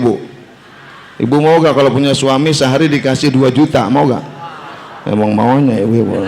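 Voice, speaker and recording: A man, an Islamic preacher telling a story in a sermon and teasing his audience. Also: a little high. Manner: joking, teasing the audience directly.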